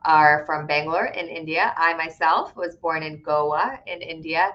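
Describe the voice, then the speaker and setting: A woman's voice: sits low, unhurried, highs cut off. A woman immigration attorney answering viewer questions on a live stream in a conversational, explanatory way, with frequent "right?" tags and filler words. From Connecticut, USA.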